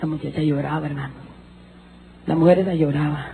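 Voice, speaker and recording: A woman's voice: sits low, fairly even intonation, fairly quick, creaky, mellow, slight background noise, poor audio. A woman giving an emotional church testimony, repeating herself and calling her listeners brothers. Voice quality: repetitive, addresses listeners as brothers.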